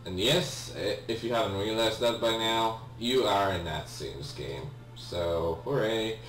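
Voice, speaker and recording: A young native Polish speaker with a Polish accent gives casual let's play commentary on his game, hesitant and apologetic, full of ums and restarts. His voice is lowish, unhurried and fairly bright. The room is echoey, the mic distant, with a faint hum and faint music behind.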